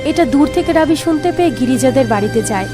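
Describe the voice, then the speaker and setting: A woman with a high voice tells a film's story as a recap, brisk and plain. Faint music plays under her narration. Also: lively intonation. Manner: brisk, plain storytelling that slips into each character's lines. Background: faint background music.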